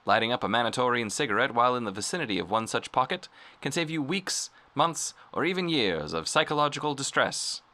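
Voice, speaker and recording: A man plays an earnest old-time radio pitchman, delivering a polished, salesmanlike vintage advertisement in a sharp tone.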